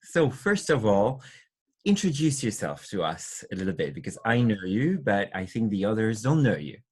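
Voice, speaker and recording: A woman's voice: very deep voice, big pitch swings, normal speed, warm tone, husky. Woman casually hosting a video-call interview. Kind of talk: conversational interview.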